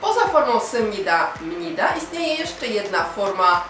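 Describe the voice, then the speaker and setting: A woman's voice: medium pitch, sing-song, a little slow, a bit bright. Patient woman teacher in an echoey room. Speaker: Korean language teacher. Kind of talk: online language lesson. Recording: very echoey room, voice from far off, music behind.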